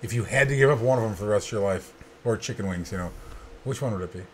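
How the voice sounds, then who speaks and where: A man co-hosting a casual podcast, talking in halting, rambling bursts while telling an anecdote. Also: fairly low pitch, a little hiss or hum. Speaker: podcast co-host. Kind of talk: casual chat.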